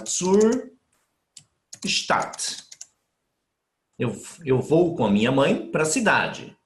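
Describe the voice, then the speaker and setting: A man gives a live online language lesson and works through each example slowly and patiently. His pitch rises and falls widely as he explains. The room around him is echoey. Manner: patient, explains step by step and reads out student questions. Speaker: German teacher.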